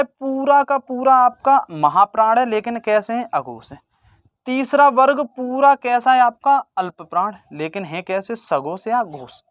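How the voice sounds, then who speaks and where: Exam-prep teacher, mid pitch, question-and-answer drilling, dry recording. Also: no room sound. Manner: call-and-response, asks a question then answers it lower and softer. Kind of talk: exam-prep grammar lesson.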